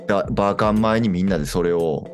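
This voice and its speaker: A deep-voiced man with a Kansai accent tells a relaxed story on a radio talk show. He is a reggae DJ who trails off mid-sentence, and faint music plays behind him. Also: quick pace. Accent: Kansai Japanese. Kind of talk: casual radio chat.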